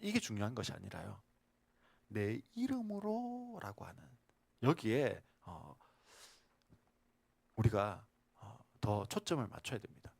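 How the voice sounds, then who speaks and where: Lively preaching man, dry close sound. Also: lowish voice, unhurried, gravelly, long pauses, dry recording. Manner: animated, swings from loud to whispered. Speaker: pastor. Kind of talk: sermon.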